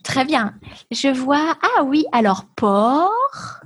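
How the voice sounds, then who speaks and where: A woman's voice: sits high, big pitch swings, extremely slow. A woman teaching a language class over a video call. She is patient and encouraging and slips into English to explain words. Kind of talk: online class, teaching vocabulary.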